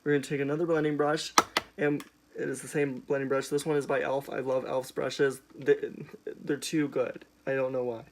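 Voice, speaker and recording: Young adult male drag queen host, sassy and emphatic, mid-pitched, casual tutorial chat. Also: flat delivery, normal speed, darkish tone, a little hiss or hum. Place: indoors, small room at home.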